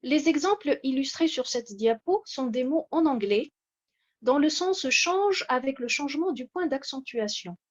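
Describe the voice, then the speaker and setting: Woman lecturer, high voice, measured and hesitant, muffled online-talk sound. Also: animated. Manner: measured, explanatory, with frequent hesitations. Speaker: lecturer presenting slides. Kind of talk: slide-based lecture on word stress.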